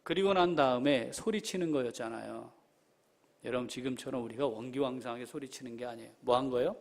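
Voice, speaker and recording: A man's voice: mid-range voice, fast talker, vocal fry. A male pastor preaching a sermon, firing rhetorical questions at the congregation, calling members by name and dropping to a whisper when he prays.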